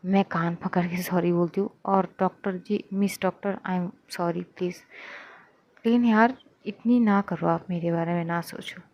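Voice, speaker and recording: Woman doing a prickly young woman who snaps back, storybook reading, highish voice. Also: expressive, normal speed, lo-fi sound. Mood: apologetic. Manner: indignant, exasperated. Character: young woman, touchy and quick to anger.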